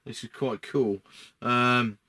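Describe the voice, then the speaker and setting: Essex man, bright voice, thinking aloud. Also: mid-range voice, fairly even intonation, slow pace, breathy edge. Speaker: hobby model-building video maker. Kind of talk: casual talk-through while building.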